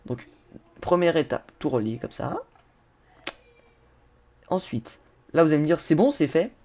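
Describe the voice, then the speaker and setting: A man's voice: fairly high pitch, animated, unhurried, vocal fry, darkish tone, a little hiss or hum. A man giving casual game tutorial commentary, talking straight to his viewers and laughing and swearing at his own mishaps. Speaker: gaming YouTuber.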